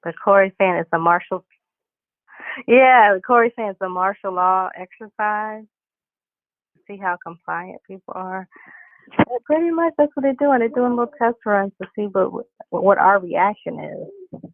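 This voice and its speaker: A caller on a live call-in show, chatting in a relaxed, conversational way. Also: medium pitch, measured pace, vocal fry, no room sound. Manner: relaxed, conversational, trailing "you know". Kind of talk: casual call-in chat. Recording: tinny dry phone line.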